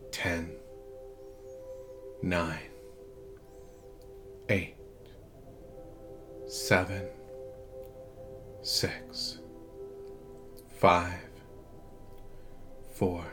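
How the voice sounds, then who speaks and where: Low-pitched man, hypnotist, soothing guided relaxation, unhurried phrasing, long pauses, music playing behind. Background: background music.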